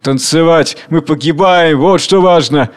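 A man's voice: fairly high pitch, a little slow, natural voice. A man voicing an angry, frightened male guest who rants harshly. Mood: furious. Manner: harsh, ranting.

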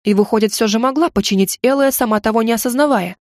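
A woman's voice: on the high side, quick pace, dry recording, clean studio sound, close to an everyday voice. A woman voicing a grumpy stern mage. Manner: curt and grumbling. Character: stern young male mage, irritable, dry.

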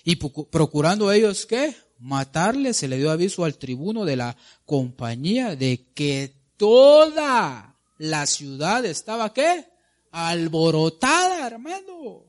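A man preaches a sermon in a fairly high voice. His pitch swings widely as he throws questions to the congregation and answers them himself. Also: very animated, a little slow.

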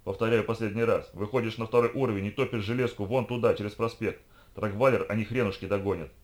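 A man reading an audiobook, voicing a tough, quick-tempered young woman who barks orders. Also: lowish voice, fairly even intonation, natural voice. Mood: growling threat. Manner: barking orders.

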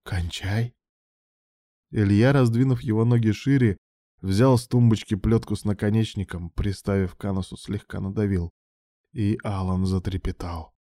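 Low-voiced male audiobook narrator. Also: fairly even intonation, normal speed, mellow, no room sound, clean studio sound.

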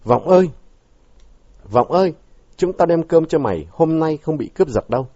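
A worried young boy calls out loudly and anxiously for a missing friend, voiced by a male storyteller. His voice is pitched higher than the narration, husky and dark in tone. The recording is dull, dry and lo-fi. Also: animated, moderate pace, no echo. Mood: anxious calling. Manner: calling out loudly.

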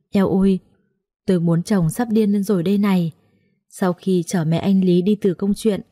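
A woman narrating a first-person audiobook story in a lively, conversational way. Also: fairly low pitch.

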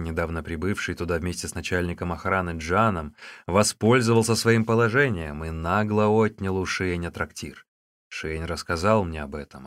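A man voicing a weary, tough outlaw hero in an audiobook, speaking low and grim. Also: a bit bright, no echo, studio quality.

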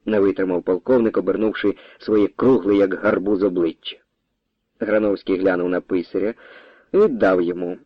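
A man reading a historical story aloud in expressive scripted narration. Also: deep voice, normal speed, no echo, dull audio. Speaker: audiobook narrator.

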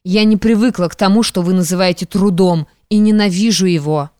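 A woman reading the part of a calm, cold young woman who wants luxury and rejects a suitor. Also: fairly low pitch, brisk, clean tone, dry recording, clean studio sound, lightly acted. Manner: calm, cool, dismissive. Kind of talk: audiobook reading.

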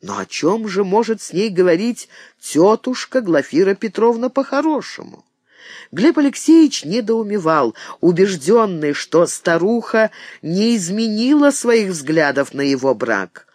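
A man narrating an audiobook in an expressive storytelling manner. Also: high voice, unhurried, dry recording, clean studio sound. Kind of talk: scripted narration.

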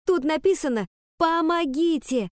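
A woman's voice: high-pitched, normal speed, darkish tone, dry recording, clean studio sound, voice pushed up, natural voice. A woman voicing a nervous, earnest schoolgirl who speaks in an anxious, pleading way. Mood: alarmed.

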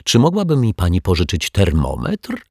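A man reading an audiobook, voicing a calm, firm male detective who looks after children. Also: low voice, normal speed, vocal fry, no room sound, studio quality, heavily acted. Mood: questioning. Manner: firm, matter-of-fact. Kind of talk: audiobook character voice.

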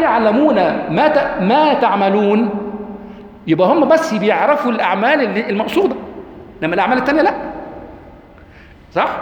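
A man with an Egyptian Arabic accent giving a lecture on Quran rhetoric, asking his class questions and quoting verses slowly. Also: sits high. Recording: echoey hall, dull lo-fi.

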